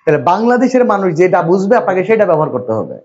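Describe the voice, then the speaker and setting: A man from Bangladesh lecturing a classroom, his voice a little higher than most men's. He talks in a repetitive, reassuring way and keeps quizzing his students. The recording is dull and lo-fi. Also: very animated, racing, crowd noise. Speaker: English teacher.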